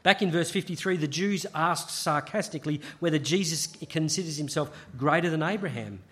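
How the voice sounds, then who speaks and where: A man preaching a sermon, measured and emphatic, with frequent restarts. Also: fairly high pitch, fairly bright tone, husky.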